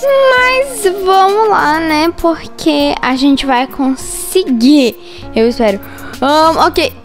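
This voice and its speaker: A young Brazilian woman with a Brazilian Portuguese accent giving excitable gameplay commentary, squealing and giggling when scared. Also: high-pitched, slow pace, faint music behind. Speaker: gaming channel host.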